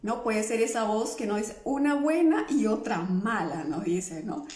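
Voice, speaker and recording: A woman's voice: mid-range voice, expressive, measured pace, darkish tone. A woman talking live as an emotional healing coach, checking in with her listeners through constant questions. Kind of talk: live stream talk to viewers. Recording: echoey room.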